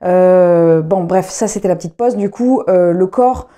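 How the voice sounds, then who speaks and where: A young French woman who vlogs about knitting and plays the trumpet talks casually to the camera. Her voice is lowish and dark, her pace measured, and she rambles with many fillers and restarts.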